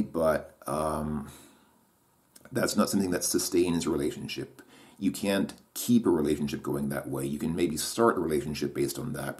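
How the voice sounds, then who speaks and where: This is a solo monologue by a deep-voiced man with a darkish tone, reasoning aloud. He hesitates often, reworks his sentences, and questions himself.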